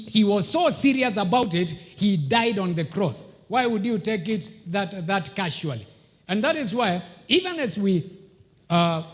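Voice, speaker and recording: A man's voice: sits high, big-room sound. A man, a pastor preaching a sermon at a live church service. He speaks emphatically and asks rhetorical questions, then answers them himself.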